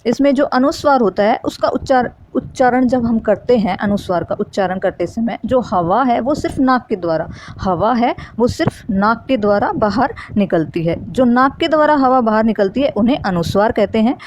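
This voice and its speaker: A woman's voice: on the high side, expressive, normal speed, darkish tone, slight background noise. Woman teaching Hindi grammar, repeating key terms. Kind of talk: exam-prep lesson.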